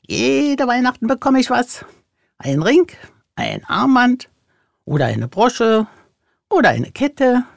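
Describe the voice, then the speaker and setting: A narrator voicing a greedy magpie with a croaky voice. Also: medium pitch, very animated, slow, long pauses, no room sound, studio quality, pitched above the performer's own voice, full character voice.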